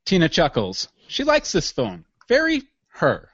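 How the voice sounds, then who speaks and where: A man's voice: fairly high pitch, wildly swooping pitch, a little slow, a bit bright, slightly rough, no echo, dull audio. A man narrating scene directions in a matter-of-fact way for an audio drama.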